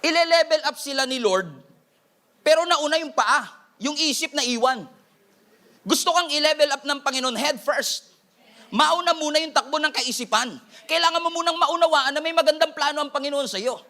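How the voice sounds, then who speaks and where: A male pastor with a Filipino accent giving an energetic sermon in Filipino and English, with playful asides to the congregation. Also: very high-pitched, moderate pace.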